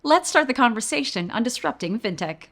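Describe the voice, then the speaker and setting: A woman's voice: on the high side, fairly quick. A woman host delivering a polished, scripted introduction to the show. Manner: polished, even read-out delivery.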